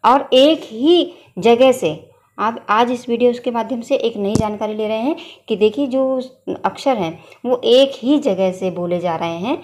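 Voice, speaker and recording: A woman's voice: a little high, moderate pace, hardly any pauses, a little mellow. A middle-aged woman teaching a Hindi grammar lesson, patiently sounding out syllables and asking the children to repeat after her.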